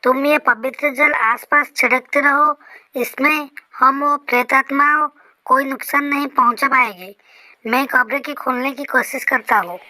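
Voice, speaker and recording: A woman's voice: high voice, fairly even intonation, a little slow, bright, forceful tone, exaggerated voice, low-quality recording. A woman voicing a stern, worried middle-aged father in a Hindi horror story, scolding and giving urgent orders. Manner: scolding, commanding.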